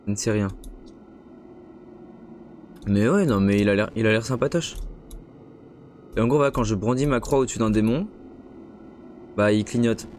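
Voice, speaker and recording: A man's voice: on the low side, moderate pace, long pauses, a little mellow, slight background noise. Young male streamer, casual live play commentary, chatty and playful. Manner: chatty, jokey, reacts to scares. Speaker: streamer playing a horror game.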